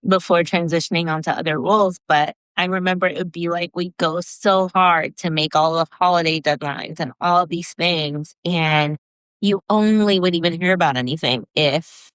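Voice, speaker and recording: A woman's voice: lowish voice, normal speed, clean tone, dry recording. A woman guest on a podcast, chatting casually and animatedly about working on events. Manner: animated storyteller, lively quoted voices. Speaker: event producer. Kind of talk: casual chat.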